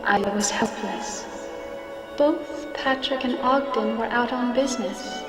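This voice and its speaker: A woman playing the gentle, sorrowful ghost of a noblewoman in a video game, speaking solemnly and formally. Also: a little high, takes it slowly. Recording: echoing long reverb under loud music.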